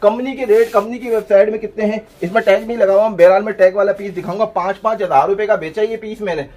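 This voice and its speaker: A man, a clothing shop owner giving an energetic, hard-selling pitch in his small shop. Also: fast, dull audio. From Pakistan. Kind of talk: sales pitch vlog.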